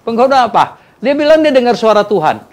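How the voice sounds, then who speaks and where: A man speaking as a pastor and guest on a church talk show, animated and acting out quoted dialogue, with frequent tag words. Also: very high voice, quick pace.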